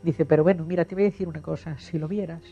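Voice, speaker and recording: A woman's voice: low voice, fairly even intonation, fast talker, gravelly, mellow, muffled recording, faint music behind. An older woman from Galicia recalling her past as a documentary witness, vividly acting out the voices in her memories. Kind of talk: personal recollection.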